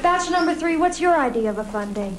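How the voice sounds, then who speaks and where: An actress playing a flirty, giggly dating show contestant in a TV comedy sketch, on a vintage broadcast with an audience. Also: female voice, high voice, expressive, fast, slight background noise, poor audio.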